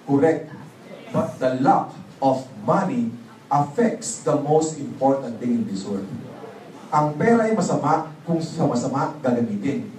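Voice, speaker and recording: A man's voice: medium pitch, measured pace. A man giving a motivational business seminar talk, prompting the audience to answer and mixing in English phrases. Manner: animated, prompts audience call-and-response. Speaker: seminar speaker. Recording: echoey hall, voice from far off, faint noise.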